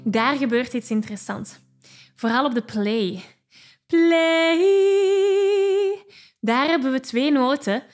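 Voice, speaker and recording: High-voiced woman teaching singing. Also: normal speed, faint music behind. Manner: encouraging, explains technique then sings examples. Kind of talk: vocal lesson with sung demonstrations.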